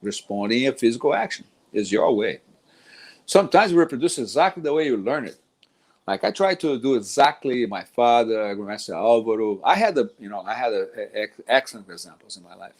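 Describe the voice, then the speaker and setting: Brisk and lively in intonation, a medium-pitched man talks with a Brazilian Portuguese accent. He's a middle-aged Brazilian jiu-jitsu teacher rambling informally about instruction, restarting his sentences often and leaning on "man."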